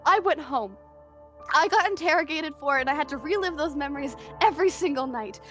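A woman's voice: high voice, fairly quick, a bit bright, soft background music. A woman playing a scared, desperate teenage girl who pleads raw and swears. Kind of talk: tabletop role-play.

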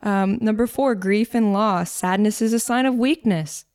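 Woman co-host, casual faith talk, mid-pitched, chatty with asides, dry close mic. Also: a little mellow, clear, resonant tone, no echo. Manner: conversational, fillers and quick asides. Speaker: podcast co-host. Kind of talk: casual faith-based discussion.

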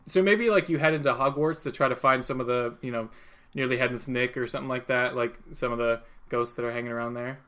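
A man improvising narration as a tabletop game master in an informal, halting, filler-heavy way. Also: mid-range voice, fairly bright tone.

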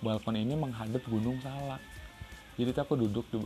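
A man from Riau, Indonesia, chats casually about his travels on his podcast, rambling with lots of fillers and restarts. His voice is medium-pitched, steady, brisk, and dark-toned. He's out on a second-floor balcony, with soft music playing in the background.

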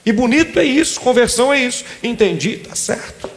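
Male pastor, high-pitched, emphatic sermon with crowd call-outs and jokes, big church reverb. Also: animated, brisk, fairly bright tone, a little hiss or hum. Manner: emphatic preaching with call-and-response and humorous asides. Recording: church hall with long reverb.

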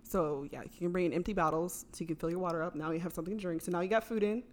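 A woman with a slightly low voice talks through travel tips in an easygoing podcast chat. She explains things step by step, laughs often and keeps the talk loose and friendly. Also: very fast, a little mellow, a little hiss or hum. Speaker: podcast co-host.

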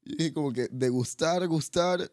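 A young man, a podcast guest telling animated, laughing stories in casual chat. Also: a little high, moderate pace, no echo, studio quality. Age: young adult. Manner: animated storytelling, laughs often.

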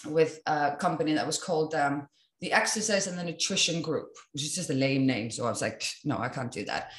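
Talking fairly quickly in a low-pitched voice, a young yoga and fitness coach from Iceland reflects on things as an interview guest. The chat is casual, full of restarts and "like", and the room sounds echoey.

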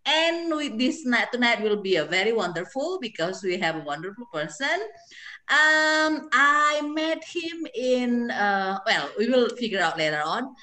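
A woman's voice: on the high side, sing-song, unhurried, pushed and bright. A woman hosting a casual podcast interview over a video call, speaking with hesitant fillers and a teasing, laughing manner. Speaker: podcast host.

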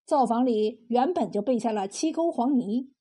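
High, mellow-voiced woman storyteller. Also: animated, normal speed, breathy edge. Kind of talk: scripted narration of a folk tale.

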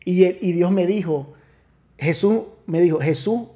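A man's voice: sits high, measured pace, dark tone. A man, a pastor telling his testimony in earnest, casual conversation with many restarts. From Nicaragua. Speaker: pastor, podcast guest.

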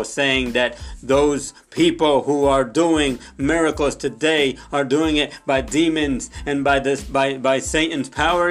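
A male preacher with a slightly raised pitch delivers a fervent sermon. He hammers points home by repeating phrases and now and then drops into hushed prayer in Spanish. Faint music plays behind him. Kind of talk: impassioned sermon.

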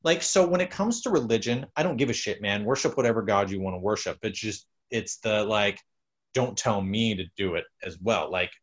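A man's voice: on the low side, expressive, fairly quick. A man hosting a casual chat, rambling and swearing, with lots of fillers. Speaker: podcast host.

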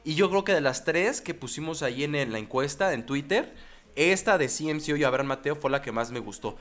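A man's voice: fairly high pitch, lively intonation, fairly quick, fairly bright tone. A man with a Mexican accent co-hosting a podcast, chatting casually and teasing his co-host with playful jokes. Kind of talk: casual chat.

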